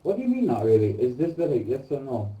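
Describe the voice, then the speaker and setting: A man's voice: medium pitch, big pitch swings, fast, dark tone. A man in casual chat while gaming, his voice muffled and distant as if heard through a wall. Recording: dull muffled faraway mic.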